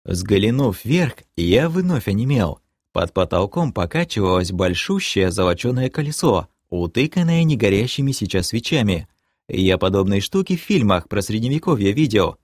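A man narrating an audiobook with a lively, swinging pitch. His voice sits mid-range and sounds close and dry, with no room around it. He tells the story in the first person with brisk energy. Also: no echo.

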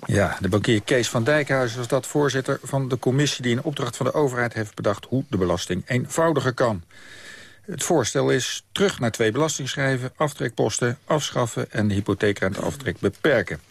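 A man presents a radio show in a mid-pitched voice. He introduces items as a host does, addressing the listeners from the studio. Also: animated, brisk, creaky, husky.

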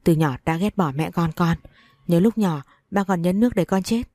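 A woman's voice: fairly low pitch, moderate pace, dark tone, no room sound, natural voice. A woman voicing a young wife hurt by her cruel father, speaking plaintively in an audiobook story. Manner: plaintive, confiding.

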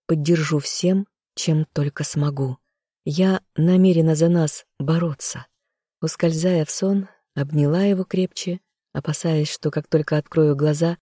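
Calm, mellow audiobook reader. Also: medium pitch, no echo, studio quality. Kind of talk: scripted first-person narration.

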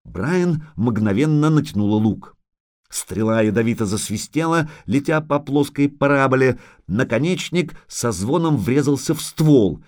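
Expressive male audiobook narrator. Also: medium pitch, no echo, clean studio sound. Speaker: audiobook reader.

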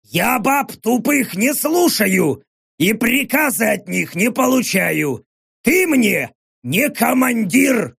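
A man's voice: high-pitched, big pitch swings, takes it slowly, creaky, husky, pitched above the performer's own voice, heavily acted. A man voicing a hulking, rowdy male orc soldier who bellows crude insults in an audiobook. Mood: defiant.

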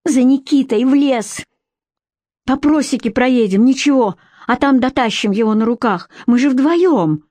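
Woman doing a desperate young wife, high-pitched, shouting, defiant, dry sound. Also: unhurried, no room sound. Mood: frantic.

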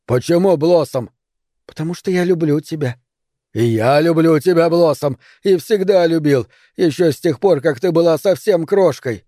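A man's voice: fairly high pitch, moderate pace, warm tone, no echo, clean studio sound, natural voice. A man voicing a frenzied young man with an axe who shrieks and laughs manically. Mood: tender.

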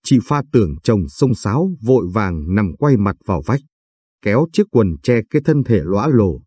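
A male storyteller reads in a slow, measured way. His voice is low, dark and breathy, and it sounds dry and close to the mic. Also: no echo. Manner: measured, steady reading. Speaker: narrator. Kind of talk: storytelling narration.

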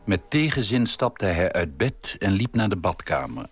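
A man reading a literary story aloud for radio in a calm, measured way. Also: low voice, slightly rough, no room sound. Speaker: reader.

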